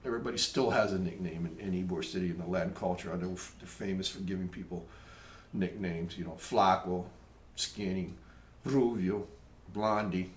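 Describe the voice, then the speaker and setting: A man's voice: low voice, normal speed. A man from Tampa telling local stories in a casual, rambling way with self-mocking humor. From Tampa, Florida, USA. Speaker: local storyteller. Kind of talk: casual storytelling monologue. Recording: roomy echo.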